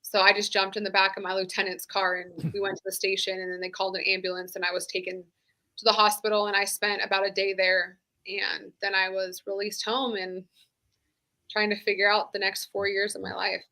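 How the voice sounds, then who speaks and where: A woman in her thirties, a former sheriff's deputy being interviewed, tells her own story candidly and conversationally, saying "like" often. Her mid-range voice barely moves in pitch and runs a little fast, with a bright, forceful tone. It's casual personal storytelling.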